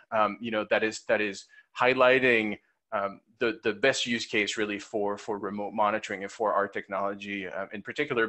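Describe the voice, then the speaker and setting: A man giving a business presentation as a startup presenter, with halting, hesitant phrasing. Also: lowish voice, sharp tone.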